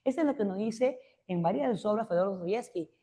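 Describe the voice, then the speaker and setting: A woman's voice: mid-range voice, animated, a little fast, warm tone. A woman giving a classroom literature lecture, explaining points and often checking with rhetorical questions. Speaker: literature teacher.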